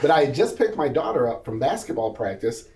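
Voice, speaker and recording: A man's voice: medium pitch, sing-song, brisk, distant mic, background noise. An earnest man, a panel guest, tells a personal story with vivid detail and acts out both sides of a conversation. His voice sounds roomy and set back from the mic, as if picked up from across a room.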